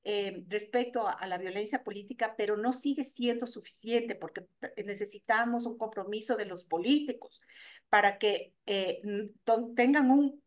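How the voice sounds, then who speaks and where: A middle-aged woman, an organization's director, explaining her views in a radio interview, pausing and restarting often as she thinks. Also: mid-range voice. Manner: thoughtful, many hesitations and restarts. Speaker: guest, NGO executive director.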